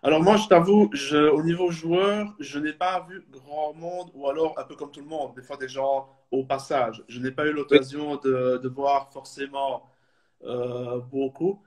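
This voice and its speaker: Joining an online interview casually as a supporters club guest, a man in his thirties from Belgium sounds hesitant, with many fillers and restarts. His voice is a little high and slightly mellow, with fairly even intonation at a measured pace.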